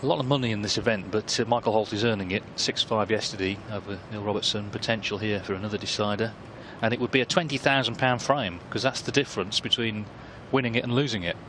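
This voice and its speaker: Guy doing hushed snooker commentary, kinda low voice, noticeable noise behind him. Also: fast talker, hardly any pauses. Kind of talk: live sports commentary. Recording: clear background noise.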